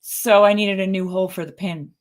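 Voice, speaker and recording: A chatty woman talks in a relaxed, casual way, winding through a personal story with frequent restarts. Her voice sits at an ordinary middle pitch for a woman. She comes across as an easygoing podcast co-host. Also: brisk. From Canada. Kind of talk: casual chat.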